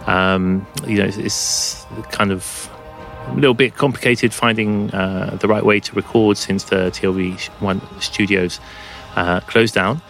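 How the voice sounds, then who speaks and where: A man's voice: lowish voice, fairly even intonation, a little slow, vocal fry, fairly bright tone. A man presenting a music podcast in a casual, enthusiastic but rambling way, recorded at home under a blanket. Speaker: podcast host and DJ.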